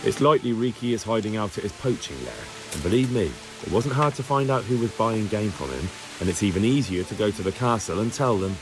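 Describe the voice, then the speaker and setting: A man's voice: lowish voice, brisk, few pauses, music in the background, natural voice, low-quality recording. A man voicing a determined, blunt young hero in a medieval video game. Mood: insistent, threatening.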